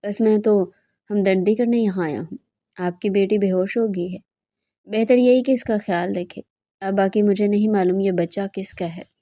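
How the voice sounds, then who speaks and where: A woman's voice: mid-range voice, dark tone, dry recording, lightly acted. A woman voicing a cold, cruel young man who dismisses and blames others, recorded dry and close.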